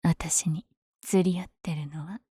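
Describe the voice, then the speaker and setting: A woman playing a powerful, flirtatious villain lady smitten with her hero rival, in an ASMR audio drama with teasing, breathy asides. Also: fairly low pitch, fairly even intonation, a little slow, dark tone, no room sound, clean studio sound. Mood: playful, cocky.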